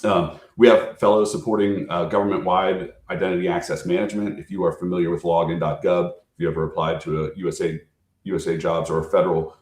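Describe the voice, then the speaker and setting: A low-voiced American man delivers a recruiter's pitch in an informal presentation. He is conversational and keeps checking that listeners follow. The sound is noticeably roomy and echoing. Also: steady tone, quick pace, darkish tone. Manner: conversational, frequently checking in with "right?". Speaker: recruiter and fellowship program manager.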